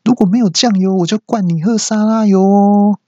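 A man's voice: high voice, fairly even intonation, moderate pace, a little mellow, no echo, voice pushed up. A man voicing a middle-aged wife who nags and threatens her husband in a whiny, sing-song scold, in a slightly dull lo-fi recording. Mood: nagging.

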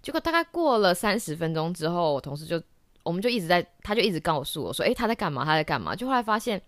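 A woman hosting a podcast, telling a story in a casual, animated way, laughing often and slipping into English phrases. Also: on the low side, quick pace, no echo. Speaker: podcast host. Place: office during lunch break.

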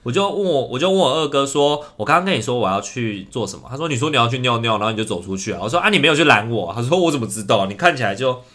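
A young man co-hosting a podcast, telling a personal story in a casual, animated way and acting out the quoted lines. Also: mid-range voice, racing, few pauses. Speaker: podcast co-host.

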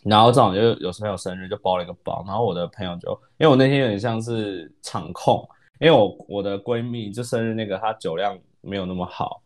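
Podcast co-host, Taiwanese man, Taiwanese Mandarin accent; low-ish, quick, rambling chatty delivery with English code-switching. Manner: rambling, self-correcting, mixes in English words, laughs often. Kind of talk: casual storytelling chat.

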